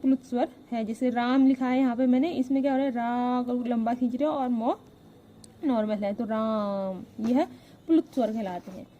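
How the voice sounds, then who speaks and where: A woman's voice: on the high side, brisk, warm tone, muffled recording, a little hiss or hum. A woman teaching a grammar lesson step by step, asking questions and then answering them herself. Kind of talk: classroom-style grammar lesson.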